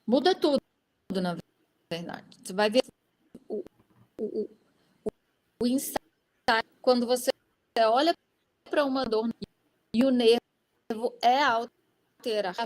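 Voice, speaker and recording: A woman's voice: a little high, animated, slow, pauses often, a little mellow, rough recording. A woman teaching a live online class, her voice breaking up with glitching, choppy audio over a remote call, stumbling over repeated words as she explains. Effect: glitching, choppy audio cutting out over a call. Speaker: manual therapy instructor. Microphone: remote call connection.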